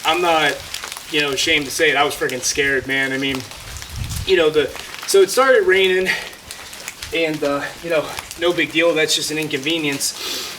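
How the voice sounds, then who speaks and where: A man's voice: on the high side, steady tone, normal speed, long pauses. A man sheltering in a cave, telling a hiking story to camera with lots of fillers, his voice echoing off the rock. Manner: rambling, heavy on fillers. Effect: cave echo. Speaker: hiker filming a vlog. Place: shallow cave in the woods, sheltering from a thunderstorm. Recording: echoey cave, distant mic, loud rain noise. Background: heavy rain.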